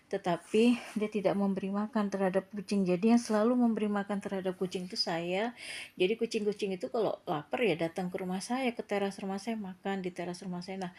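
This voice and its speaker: A woman's voice: mid-range voice, a little mellow. A woman telling a story in a casual, chatty way, full of filler tags, turning firm and lecturing at times. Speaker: cat feeder and shelter vlogger.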